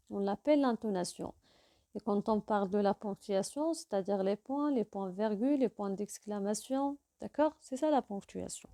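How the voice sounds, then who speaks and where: A woman teaching French in a video lesson, explaining slowly and repeating example sentences. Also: fairly high pitch, dark tone. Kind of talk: classroom-style video lesson.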